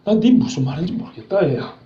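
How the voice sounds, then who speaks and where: Flustered man playing dumb voiced by a male preacher, evasive and lively, echoey dull church audio. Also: high voice, fast talker. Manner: evasive, feigned innocence. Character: flustered man feigning ignorance, denying. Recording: roomy dull church recording.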